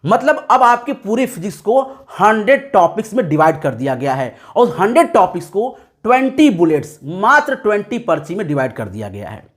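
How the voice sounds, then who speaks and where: A man's voice: high-pitched, very animated, brisk, few pauses. A man gives exam advice in a lesson, calling his students kids and pressing each point home. His voice rises and falls a lot as he repeats the key steps for emphasis. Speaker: teacher.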